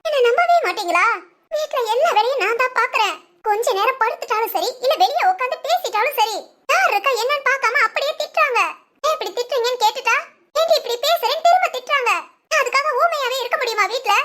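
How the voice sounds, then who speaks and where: A woman's voice: extremely high pitch, expressive, fast, very noisy. A woman voicing a sly, defiant young village wife in a cartoon, sarcastic and muttering spiteful asides, with Tamil village speech. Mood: pleading. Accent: Tamil Nadu village speech. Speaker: daughter-in-law.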